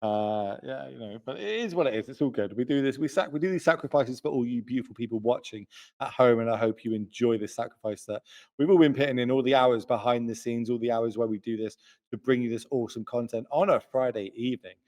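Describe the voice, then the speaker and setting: A young man doing live commentary on a card game tournament. His voice sits at a middle pitch, chatty and full of joking asides. He sounds tired from a long late-night session. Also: fast, darkish tone.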